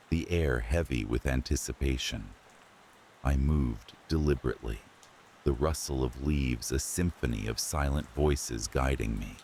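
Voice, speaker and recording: Male narrator, very low and slow, husky tone, hushed sleep-story delivery. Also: a little hiss or hum. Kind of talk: scripted horror narration for sleep.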